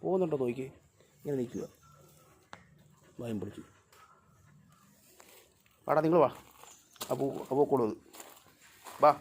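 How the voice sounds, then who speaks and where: A vlogger talking casually to dogs and cats while feeding them, coaxing, scolding and calling out loudly in homely colloquial speech. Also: medium pitch, lively intonation, a little slow, long pauses, slight background noise. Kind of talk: casual talk to animals.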